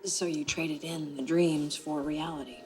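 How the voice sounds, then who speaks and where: A woman's voice: low voice, fairly even intonation, a little slow, a little mellow, soft background music. An actress playing a blunt, sarcastic woman investigator in a television drama. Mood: probing.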